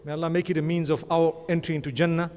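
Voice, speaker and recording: Racing through his words in a voice on the high side, with little pitch movement and a slightly mellow tone, a man presents an award at a ceremony in a large conference hall. The recording has long hall reverb plus a little hiss or hum, and his speech rambles conversationally with frequent religious blessings.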